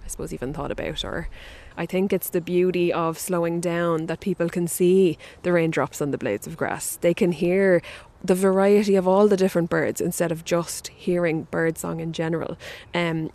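Low-pitched woman guide, outdoors. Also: fairly even intonation, moderate pace, gravelly, warm tone. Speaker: nature therapy guide. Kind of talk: reflective guiding and explanation. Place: outdoors in a forest. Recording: faint outdoor ambient noise.

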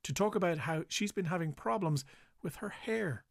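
A man's voice: high voice, animated, normal speed, gravelly, dry recording, clean studio sound. A man presenting scripted radio links between clips. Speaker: programme presenter. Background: music.

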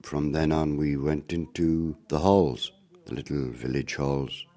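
An older Irish man, a former circus performer, telling family memories in an unhurried storytelling way. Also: extremely low pitch, steady tone, mellow. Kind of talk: reminiscing interview narration.

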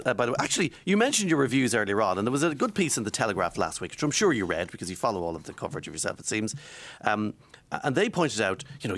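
A man's voice: medium pitch, a bit bright, no echo. An Irish man hosting a chatty interview in a teasing, wry manner. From Ireland. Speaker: radio show host.

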